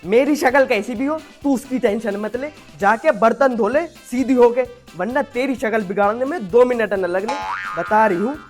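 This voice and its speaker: A woman's voice: on the high side, moderate pace, over music, lightly acted. A woman playing a bossy threatening mother. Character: bossy mother named Farzana. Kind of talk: comedy sketch acting.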